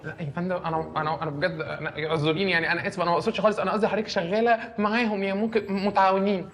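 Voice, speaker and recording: A man's voice: sits high, fairly even intonation, very fast, a bit bright, a little hiss or hum. An actor playing a flustered, overly polite male doctor who speaks Egyptian Arabic. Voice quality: apologetic, stammering. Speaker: visiting doctor.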